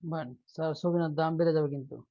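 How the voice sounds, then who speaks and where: A man's voice: a little high, steady tone, quick pace, warm tone. Man quizzing a class, lo-fi sound. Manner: playful, acts out a mock plea before teaching, quizzes students with repeated questions. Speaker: teacher. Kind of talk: live online exam-prep lesson.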